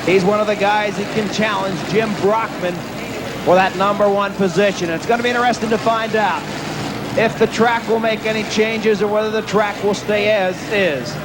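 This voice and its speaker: A man's voice: high voice, steady tone, moderate pace. A man working as a tractor pull announcer, hyping competitors and drawing out their names. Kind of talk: live event announcing. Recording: loud engine noise drowning the voice.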